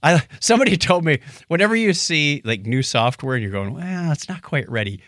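A man hosts a co-hosted podcast, chatting casually with a joking, playful manner. His fairly high voice is sing-song, fairly quick and a bit bright. The recording is dry with clean studio sound.

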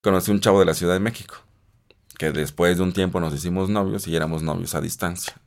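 A young man with a Mexican Spanish accent tells his life story in a chatty, animated way, acting out other people in a high voice. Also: fast talker, gravelly. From Isthmus of Tehuantepec, Mexico. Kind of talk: personal storytelling. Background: guitar music.

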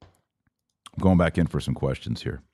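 An American podcast host reads viewer comments aloud and responds off the cuff in a casual, conversational way. He has a very deep, dark voice and speaks unhurriedly, with no room sound.

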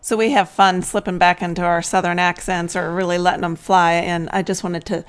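A woman with a fairly low voice co-hosts a casual radio talk show. She is agreeable, mostly chiming in with short remarks before making a point of her own. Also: level tone, fairly quick, smooth. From Atlanta, Georgia, US. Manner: agreeable, brief interjections. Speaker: podcast co-host.

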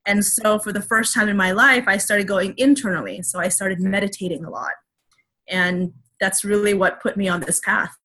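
A woman's voice: medium pitch, steady tone, moderate pace, sharp tone. A woman speaking candidly as an interview guest, reflective and open, with many fillers and restarts. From Filipino heritage.

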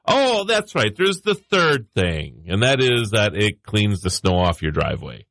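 A man's voice: lowish voice, very animated, measured pace, a bit bright, no room sound. A man, co-hosting a radio talk show in a casual, enthusiastic way and laughing easily. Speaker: radio show co-host, tech contributor. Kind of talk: casual on-air chat.

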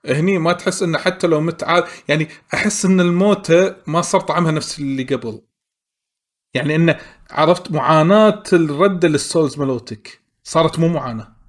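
A man's voice: a little high, fairly quick. A man with a Gulf Arabic accent hosting a casual chat and asking long, rambling questions. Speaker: host.

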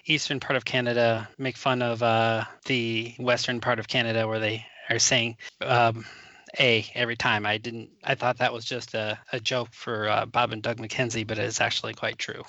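A man's voice: medium pitch, little pitch movement, normal speed, bright, forceful tone, dry recording, muffled recording. A man hosting a podcast interview, talking in an eager, enthusiastic way. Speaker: podcast host. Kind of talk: casual interview chat.

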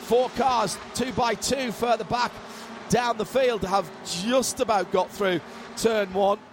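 High-pitched male motorsport commentator over engine noise. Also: steady tone, slow. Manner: vivid play-by-play with wry humour. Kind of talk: live motorsport race commentary. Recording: trackside broadcast with loud engine noise. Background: racing cars and trackside ambience.

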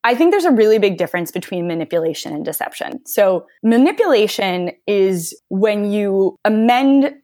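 A woman copywriter telling stories in a podcast interview, lively and quick to act out what others said. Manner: animated storyteller, mimics others in high voice. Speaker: guest copywriter.

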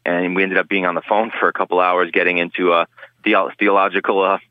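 A man's voice: deep voice, flat delivery, quick pace, no echo, phone-quality sound. A man guesting on a podcast interview, talking earnestly in a rambling way with many restarts. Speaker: guest, paranormal investigator.

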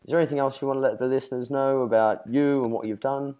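A man's voice: medium pitch, steady tone, quick pace, mellow. A man hosting a casual podcast interview, upbeat, teasing and chatty. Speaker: podcast host.

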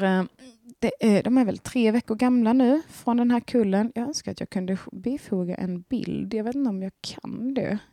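A woman's voice: medium pitch, warm tone, dry recording, clean studio sound. A young woman, chatting casually as a podcast host, rambling and gushing with lots of fillers and restarts. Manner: giggly, gushing.

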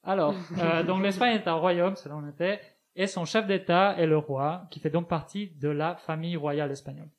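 Male columnist, fairly high voice, ironic scripted comedy chronicle. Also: fairly even intonation, fairly quick, few pauses. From Spain. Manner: ironic, joking, reads with asides and laughs. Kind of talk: humorous radio chronicle read from a script. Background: other panelists laughing.

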